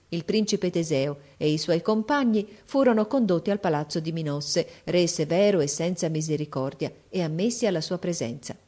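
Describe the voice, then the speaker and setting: Woman reading a storybook, low-pitched. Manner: measured, expressive reading. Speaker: narrator. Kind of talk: storybook narration.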